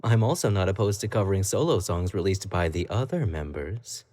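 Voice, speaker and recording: Speaking to the listener in a scripted roleplay monologue, an actor portrays a young male pop idol who is clingy and obsessive. His deep, slightly mellow voice is expressive and fairly quick, teasing the listener in a coy, playful, doting manner.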